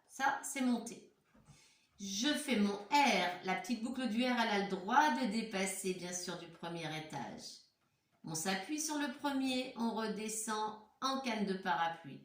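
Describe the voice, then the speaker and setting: Woman, primary school teacher, patient step-by-step guidance, unhurried delivery, roomy echo, set back from the mic. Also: mid-range voice, distant mic. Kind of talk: handwriting lesson for young children. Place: room at home.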